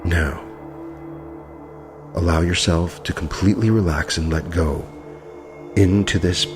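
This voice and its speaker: Over background music, a man guides a meditation in a low, steady, unhurried voice. His delivery is soothing and hypnotic, with repeated phrases.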